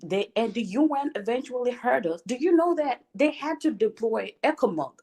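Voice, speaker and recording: A woman's voice: fairly high pitch, moderate pace. A Gambian woman in her thirties, speaking outspokenly in a casual chat, joining a live stream from home. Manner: outspoken, animated, laughs often. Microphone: computer mic, webcam off.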